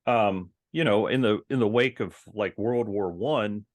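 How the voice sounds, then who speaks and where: A man's voice: on the low side, measured pace, no room sound. A man co-hosting a casual podcast, talking at length with many ums and restarts. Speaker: podcast co-host.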